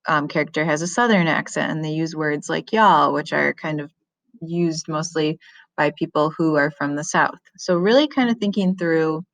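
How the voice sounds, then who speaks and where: A woman's voice: low-pitched, fairly bright tone, no echo. A woman teacher giving a recorded writing lesson, explaining casually with frequent ums.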